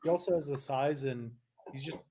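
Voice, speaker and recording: A young Canadian man co-hosting a casual live stream, talking in an animated, argumentative way with many restarts. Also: medium pitch, fairly quick. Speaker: co-host.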